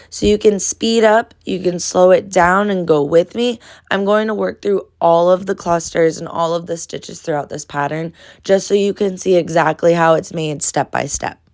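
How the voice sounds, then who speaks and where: A woman's voice: lowish voice, a little mellow, dry recording. A woman with a nasal, stuffed-up voice from a cold, hosting a friendly step-by-step crochet tutorial. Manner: friendly, instructive, addresses viewers as friends.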